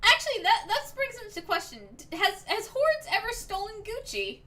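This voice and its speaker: A woman's voice: very high-pitched, sing-song, moderate pace, sharp tone. A woman, a game writer, spinning playful jokes and giggling in a casual group chat on a live stream.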